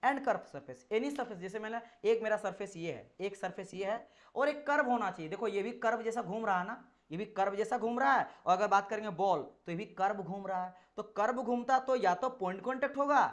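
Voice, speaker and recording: A man's voice: sits high, brisk. A male tutor giving a classroom lecture. He repeats each point several times and checks in with rhetorical questions. He demonstrates with objects at hand while slipping English technical terms into his talk. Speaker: engineering exam teacher.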